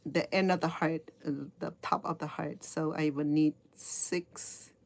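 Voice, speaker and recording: Her voice is low-pitched and gravelly, with a level tone and measured pace. She's a middle-aged crochet instructor from Cambodia with a Cambodian accent, hesitantly talking to viewers in a casual live-stream chat while crocheting and often repeating words.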